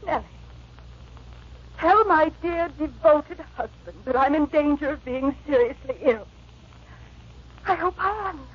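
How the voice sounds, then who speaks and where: A woman acting in a radio drama as a headstrong, jealous young married gentlewoman, imperious and theatrical. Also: sits high, unhurried, long pauses. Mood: hysterical. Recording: muffled vintage radio recording.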